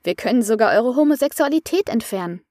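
A woman reading an audiobook voices a calm female coach who soothes and explains. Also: on the high side, fast talker, no room sound, studio quality, natural voice. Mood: lecturing.

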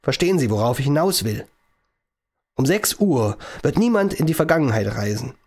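A man voicing an irritable male professor who invented a time machine, talking in a sharp, lecturing, commanding way. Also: medium pitch, big pitch swings, normal speed, husky.

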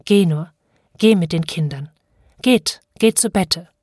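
A woman's voice: on the low side, slow, a little mellow, dry recording, studio quality. A woman voicing a weary, resigned father in an audiobook reading, in a subdued tone. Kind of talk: audiobook reading of classic literature.

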